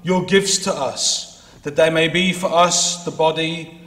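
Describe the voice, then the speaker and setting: Priest intoning with cathedral echo. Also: male voice, a little high, fairly even intonation, a bit bright. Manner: measured, solemn intoning. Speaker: priest leading Mass. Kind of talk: liturgical prayer, partly sung. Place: large church. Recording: long echo of a large church.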